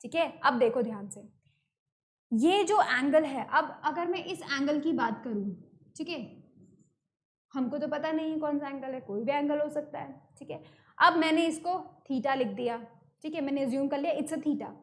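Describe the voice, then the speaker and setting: An Indian woman with a high voice teaches an online math lesson at a moderate pace. She goes step by step, repeats key terms, and mixes English terms into her Hindi.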